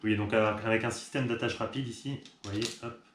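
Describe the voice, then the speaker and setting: Chatty low-voiced man unboxing gear. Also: steady tone, fairly quick. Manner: chatty, upbeat, frequent fillers. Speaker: online shop owner. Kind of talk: casual product unboxing. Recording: echoey room with clear background noise.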